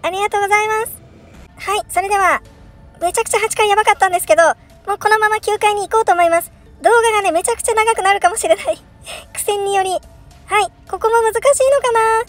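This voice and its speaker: Female horror game streamer, extremely high-pitched, excitable, thinks aloud, given to alarmed outcries. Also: quick pace, soft background music. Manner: excitable, crying out in alarm with repeated panicked exclamations; thinks aloud, puzzling through moves. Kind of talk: first-play horror puzzle game commentary.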